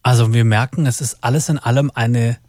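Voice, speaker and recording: A man hosting a podcast, summarizing and asking follow-up questions in a measured way. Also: medium pitch, steady tone, a little mellow, dry recording, clean studio sound. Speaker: podcast host. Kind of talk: podcast interview.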